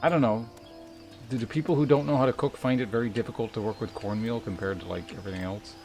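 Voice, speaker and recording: This male game streamer talks fast in a mid-range, darkish voice with fairly even intonation. Over game music he rambles casually, reads chat messages aloud and is freely profane and dryly sarcastic.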